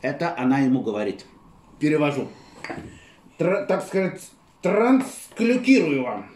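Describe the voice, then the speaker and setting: A man telling a fairy tale to a child as a costumed storyteller, improvising with wry, mock-formal asides and halting repetitions. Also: fairly high pitch, very animated, a little mellow. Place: small living room at home. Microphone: camera across the table. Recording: roomy echo from camera distance.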